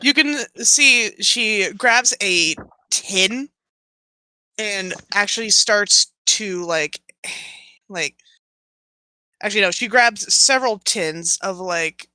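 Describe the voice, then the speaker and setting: A woman game master narrates the scene of a tabletop game. She talks slowly and hesitantly, full of fillers as she searches for words. Her tone is bright, and the recording is dry and close. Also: mid-range voice, no room sound.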